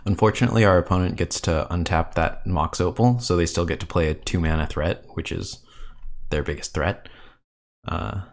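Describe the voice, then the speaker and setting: A man's voice: deep voice, moderate pace, creaky. A man commentating his own card game, thinking aloud and weighing each move. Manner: thoughtful, muses and counts under his breath. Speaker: gameplay commentator. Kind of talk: thinking aloud over gameplay.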